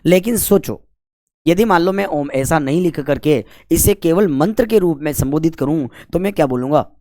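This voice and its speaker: A man's voice: on the high side, moderate pace, darkish tone, no room sound, clean studio sound. A man teaching grammar for exam prep. He asks questions, answers them himself and stretches out the vowel sounds. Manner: chatty, with jokes between the rules.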